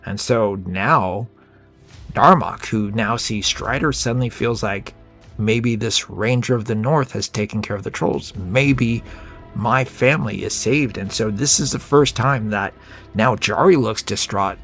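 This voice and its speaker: A man narrates his own solo tabletop role-playing game in a casual, rambling way. His voice sits low with a gravelly texture, and faint music plays behind him. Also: measured pace, a bit bright. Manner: casual, rambling storytelling with fillers.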